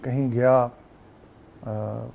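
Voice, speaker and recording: A man with a Pakistani Urdu accent, a guest on a talk show, telling stories in an animated way and sometimes mimicking Arabic phrases. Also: mid-range voice, vocal fry. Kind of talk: casual talk show conversation.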